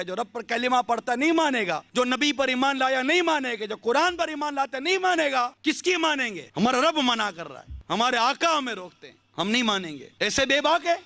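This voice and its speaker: A man's voice: very high voice, a bit bright, no room sound. A male preacher giving an impassioned sermon, full of rhetorical questions.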